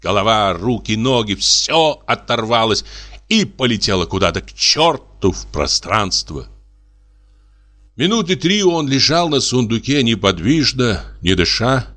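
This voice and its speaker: Male narrator, expressive storytelling, mid-pitched voice. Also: a little slow. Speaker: audiobook narrator. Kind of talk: scripted narration.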